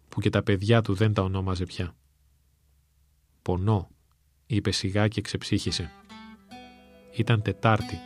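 A man narrating a written story in a measured, solemn reading. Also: on the low side, a little mellow.

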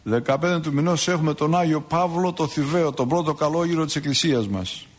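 A male priest giving a sermon on saints' lives, in a conversational way with asides and rhetorical questions. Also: a little high.

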